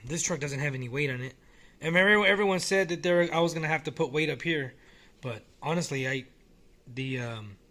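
A man casually talking through a hobby model car while filming it one-handed at home, relaxed and rambling with frequent restarts. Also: fairly high pitch. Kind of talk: casual off-the-cuff vlog. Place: small indoor room at home.

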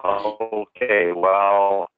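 A man's voice: fairly low pitch, fairly even intonation, extremely slow, smooth. Man on a garbled underwater-sounding call. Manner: loose, filler-heavy explaining. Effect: garbled, underwater-sounding connection. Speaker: colleague on a work conference call. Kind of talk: casual work call. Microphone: conference call line. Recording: tinny, dry phone line.

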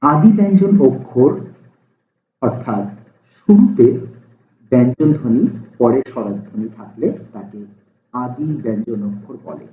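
Guy teaching a class, slow careful explaining, stretches out the examples, echoey room. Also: mid-range voice. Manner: slow, deliberate, drawing out sample syllables. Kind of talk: explanatory lesson. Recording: tinny, echoey phone-like sound.

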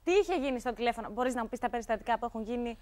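A woman hosts a television talk show and steps in to mediate a quarrel between two guests. Her voice sits fairly high. She speaks calmly and firmly and steers the discussion. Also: heavy background noise. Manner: calm, firm, steers the talk.

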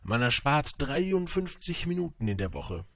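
Man reading a brisk pill merchant. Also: a little high, sing-song, vocal fry, fairly bright tone, no echo, clean studio sound, voice pushed up, exaggerated voice. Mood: businesslike.

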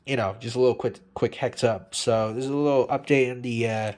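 This radio-repair hobbyist and video maker talks briskly in a steady, slightly mellow medium-pitched voice. His unscripted update wanders, stays blunt, and is peppered with swearing.

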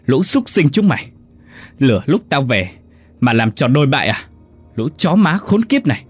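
A man's voice: mid-range voice, sing-song, moderate pace, breathy edge, soft background music. A man voicing a furious, violent older woman who screams insults in a dramatic audiobook telling.

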